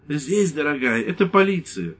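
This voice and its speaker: A man voicing a timid, squeaky old former priest who pleads anxiously, in an audiobook. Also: big pitch swings, moderate pace, a bit bright, husky, exaggerated voice. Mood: pleading.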